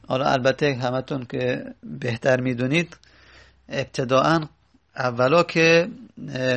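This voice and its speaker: Gravelly man teaching a lesson. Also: on the high side. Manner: explains slowly, spelling out letters and word roots. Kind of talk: textbook lesson on hadith terminology.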